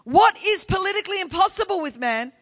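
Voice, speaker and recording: An Australian woman preaching a sermon to a church congregation, emphatic and building to loud exhortation. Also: very high-pitched, expressive, fairly quick.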